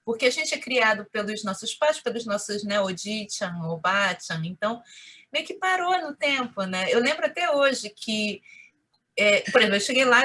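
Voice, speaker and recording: Bright-voiced Carioca woman, chatty storyteller. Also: mid-range voice. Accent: Rio de Janeiro Portuguese. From Brazil. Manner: animated storytelling, frequent "né?". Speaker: interview guest. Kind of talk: conversational interview.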